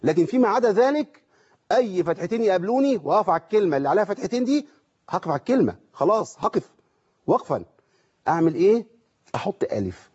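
A man with an Egyptian accent gives a rapid tajweed lesson in a fairly high, mellow voice. He keeps putting questions to his students and answering them himself, and the recording sounds dull and lo-fi. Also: slightly rough. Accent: Egyptian Arabic. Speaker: Quran recitation teacher. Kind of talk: tajweed lesson with recited examples.

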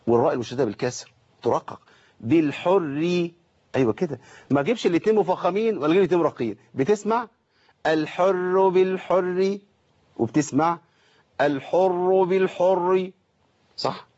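A middle-aged man with an Egyptian accent teaching Quran recitation online, correcting students and slowly demonstrating each sound. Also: fairly high pitch, darkish tone, breathy edge, dull audio. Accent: Egyptian Arabic. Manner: corrective, demonstrates letters slowly and repeats them. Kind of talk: online tajweed lesson.

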